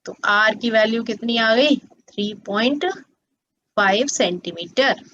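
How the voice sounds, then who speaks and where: A woman's voice: a little high, lively intonation, slow pace, a bit bright, slight background noise. A woman teaching maths to students as a tutor, patient and coaxing, often checking that they follow. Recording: slightly dull lo-fi sound.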